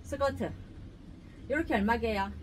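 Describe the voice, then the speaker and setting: A middle-aged woman, a clothing shop owner giving a chatty, joking sales pitch in her shop. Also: moderate pace. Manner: chatty, joking, pushy seller. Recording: distant mic, faint room noise.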